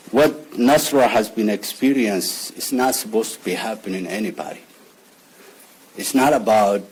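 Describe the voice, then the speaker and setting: Husky man at a press conference. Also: lowish voice, a little mellow, poor audio. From Somalia. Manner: halting, repeats words, restarts sentences. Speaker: father speaking at a press conference. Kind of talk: emotional press conference statement.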